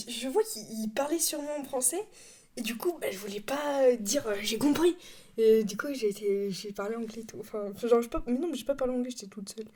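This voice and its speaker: A woman's voice: fairly high pitch, dark tone. A young woman from France hosting her own podcast, talking in a rambling, chatty way with frequent laughs and self-corrections at home. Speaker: podcast host. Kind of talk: casual chat. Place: home room.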